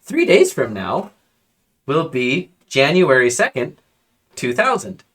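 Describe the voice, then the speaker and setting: A man putting on a stiff robot voice, bright and lively. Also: on the high side, slow, full character voice. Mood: formal. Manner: robot voice, stilted and formal, speaks of itself in third person. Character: clunky old male household robot crewman, stiffly by-the-book. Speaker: player. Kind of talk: tabletop roleplay among friends.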